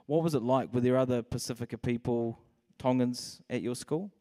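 Upbeat male host with a mellow voice. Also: mid-range voice, moderate pace. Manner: upbeat presenter, stumbles on fillers. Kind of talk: on-stage interview. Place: large hall with stage and audience. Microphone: handheld mic.

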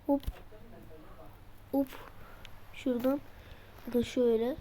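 A woman giving a casual gameplay tutorial, excitable and muttering and shouting at the game as she plays. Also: high-pitched, slow pace, noisy background. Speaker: gameplay video maker.

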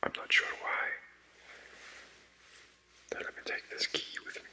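A man's voice: measured pace, natural voice, low-quality recording. A man voicing a scheming, sly middle-aged male courtier's ghost in a whispered role-play, teasing and confiding.

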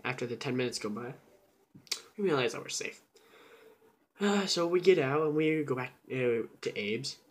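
A young man recounts a scary night in a loose, casual way. He drops into whispers for the tense parts and bursts out loudly when excited. The talk is full of fillers and quick asides. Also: medium pitch. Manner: animated, with sudden whispers and shouts. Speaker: storyteller. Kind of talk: casual storytelling.

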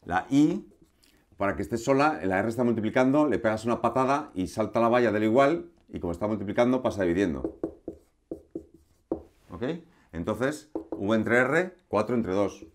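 Man, electronics teacher, chatty and playful, lowish voice, lesson recorded at a board. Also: lively intonation, normal speed. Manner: chatty, asks rhetorical questions, playful asides.

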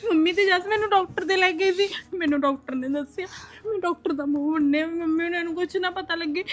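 A woman's voice: very high-pitched, a little fast. A young woman playing a frightened, tearful girl who pleads anxiously with her friend. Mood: panicked, tearful. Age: young adult. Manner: pleading, crying. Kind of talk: film acting.

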